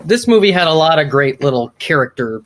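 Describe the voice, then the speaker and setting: A woman's voice: low-pitched, expressive, fairly quick. A woman guest-hosting a podcast in casual chat, laughing often and acting out quotes. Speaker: guest host.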